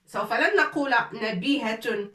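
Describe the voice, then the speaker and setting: A woman giving an Arabic grammar lesson, slowly repeating words and drilling them aloud. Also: a little high, animated, fairly bright tone. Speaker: Arabic teacher. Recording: echoey room, voice from far off.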